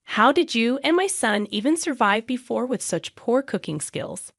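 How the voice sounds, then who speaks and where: A woman's voice: a little high, very animated, normal speed, no echo, studio quality. A woman reading a scornful older mother-in-law. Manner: scolding, belittling.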